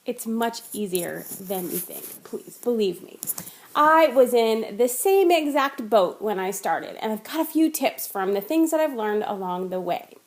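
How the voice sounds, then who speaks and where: A woman's voice: a little high, lively intonation, measured pace, soft background music. A woman in her thirties giving casual meditation tips in an upbeat, chatty, conversational way. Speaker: meditation teacher sharing tips.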